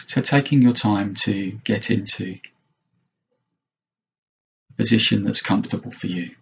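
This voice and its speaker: The speaker is a male meditation teacher guiding mindfulness, his voice low and creaky. He keeps his phrases short and gentle, pausing at length between them, and the sound is somewhat muffled and dull.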